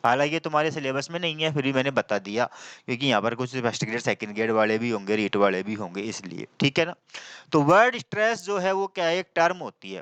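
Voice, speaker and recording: A male English teacher, lecturing in a fairly high, smooth and resonant voice. He quizzes the class and answers his own questions, repeating key terms and spelling out definitions slowly. The sound is close and dry, with no room echo. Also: fairly bright tone. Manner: mixes in slow, deliberate English definitions.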